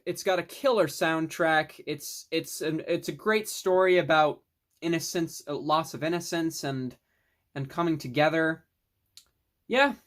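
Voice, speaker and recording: Rambling, enthusiastic young film fan. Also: medium pitch. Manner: rambling and enthusiastic, with mild swearing. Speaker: film collector vlogger. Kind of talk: casual film review monologue.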